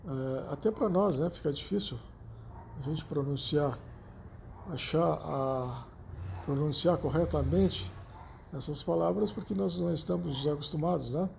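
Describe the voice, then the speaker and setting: A man with a Brazilian Portuguese accent walks through a lesson at an unhurried pace, pausing to check understanding with listeners. His voice is gravelly and dark, sitting a little higher than usual. Faint background noise hums underneath the recording. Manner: slow, repeats himself, frequent "né?" and "tá?" checks. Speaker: language teacher. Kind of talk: explanatory lesson.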